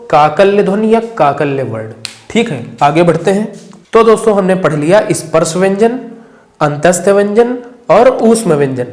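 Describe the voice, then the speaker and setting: A man teaches an exam-prep lesson, pausing over each word so students can write it down. He often poses a question and then answers it himself. His voice sits a little high and rings in an echoey room. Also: a little mellow. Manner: repeats words slowly for dictation, asks and answers his own questions. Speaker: Hindi teacher.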